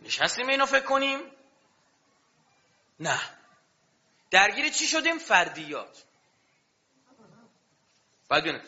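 A man's voice: high-pitched, sing-song, pauses often, bright, forceful tone. A man preaching a sermon with passion, throwing rhetorical questions at his audience. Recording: dull lo-fi recording.

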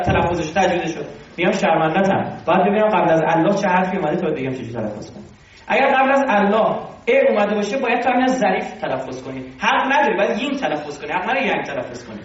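A man with a high voice gives an animated, conversational religious lecture and keeps asking his listeners questions. He sounds far from the microphone in a very echoey hall. The recording is dull and muffled, with faint noise underneath. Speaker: religious teacher.

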